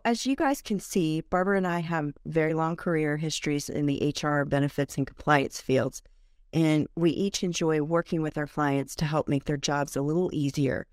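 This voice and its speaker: A mature woman with a low-pitched voice presents as a podcast host. Her delivery is conversational but prepared, and the sound is close and dry. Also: no echo. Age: middle-aged or older. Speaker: podcast host and benefits compliance professional. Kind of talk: conversational scripted podcast introduction.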